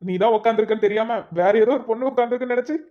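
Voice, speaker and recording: Brief: woman doing a whiny, pleading cartoon guy, slightly high voice, dull lo-fi sound. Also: fairly even intonation, rapid-fire, lightly acted. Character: flustered young man being beaten, pleading. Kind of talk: Tamil cartoon voice acting. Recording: muffled lo-fi recording.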